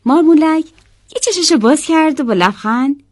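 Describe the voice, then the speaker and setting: A woman telling a story to children, animated and asking them questions as she goes. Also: high voice, no room sound, studio quality.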